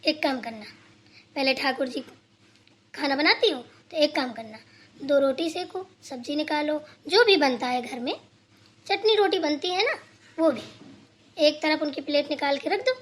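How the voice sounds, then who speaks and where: A woman's voice: sits high, lively intonation, moderate pace, a bit bright, slight background noise. A woman voicing a stern, bossy older mother-in-law in a cartoon, scolding and lecturing her daughter-in-law. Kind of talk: cartoon voice acting.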